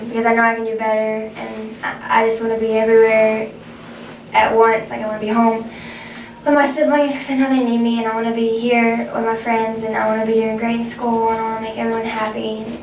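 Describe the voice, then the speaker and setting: A young adult woman speaking haltingly, often restarting phrases, in a conversational counseling role-play as the client. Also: on the high side. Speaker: student playing a counseling client. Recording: echoey, distant, noisy room recording.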